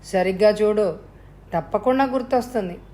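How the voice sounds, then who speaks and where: A woman voicing a calm, cold-blooded young male killer with a harsh, unhurried, menacing voice. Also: mid-range voice, natural voice.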